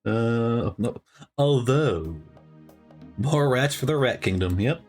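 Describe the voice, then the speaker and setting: Lively, laughing male streamer. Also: mid-range voice, slow pace, soft background music. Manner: animated, laughs often, reads narration aloud. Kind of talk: casual chat while playing a visual novel.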